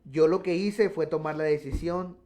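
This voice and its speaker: A man's voice: on the high side, fairly even intonation, moderate pace, darkish tone. A man telling his personal testimony on a radio program, earnest and full of restarts. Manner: earnest storytelling with many restarts. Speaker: guest giving testimony.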